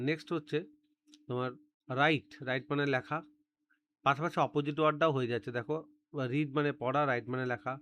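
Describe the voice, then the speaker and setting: A man's voice: medium pitch, a bit bright, slight background noise. A male teacher giving a step-by-step grammar lesson, repeating words and spellings so students can drill them. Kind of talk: classroom-style grammar lesson.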